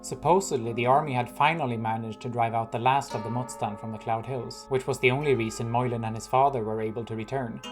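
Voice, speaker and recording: A man reading his own fantasy story aloud in calm, even scripted narration. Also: medium pitch, fast talker, hardly any pauses. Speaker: author and narrator. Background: guitar music.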